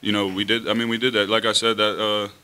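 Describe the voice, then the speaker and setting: A young man, a college quarterback, answering at a post-game press conference in a relaxed, easy way at a table mic. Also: fairly low pitch, fast talker, smooth. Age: young adult. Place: press room in front of a team backdrop. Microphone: table mic on a stand.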